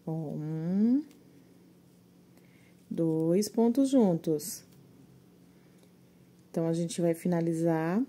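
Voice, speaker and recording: A woman's voice: on the low side, extremely slow, pauses often, mellow. A woman teaching crochet step by step, patiently counting stitches aloud and a little short of breath.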